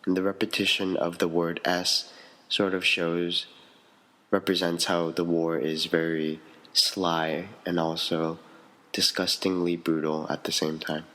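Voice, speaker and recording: A man reading out a prepared poetry analysis as a student, in a measured, steady way. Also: deep voice, rough recording.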